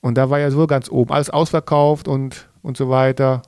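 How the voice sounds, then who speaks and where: A middle-aged man chats loosely on a podcast, wandering through his story and pausing to dig up details. His voice sits in an ordinary middle range. The recording is close and dry, with no room sound. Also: mid-range voice, level tone, warm tone, clean tone, no echo. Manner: rambling, searching for facts as he talks. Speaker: podcast co-host, father of the host. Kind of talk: casual chat.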